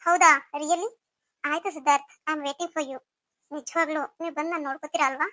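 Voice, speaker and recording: A woman's voice: high-pitched, fairly even intonation, fairly quick, bright, forceful tone, no room sound. A woman voicing a scheming young woman who taunts and teases mockingly, mixing in English phrases, in a melodramatic audio story. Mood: taunting. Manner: mocking, teasing delivery.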